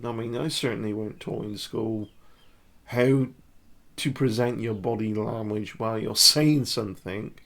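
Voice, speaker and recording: Slow, gravelly man explaining body language. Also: fairly low pitch, a bit bright. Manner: demonstrative, talks the viewer through poses. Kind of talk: casual commentary to camera.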